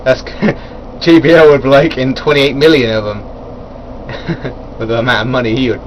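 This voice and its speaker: With poor audio and a faint hum of air conditioning beneath him, a man reviews a wrestling event in a casual, loose spoken style. His steady, middle-pitched voice is unhurried, full of ums, restarts and little laughs at his own asides.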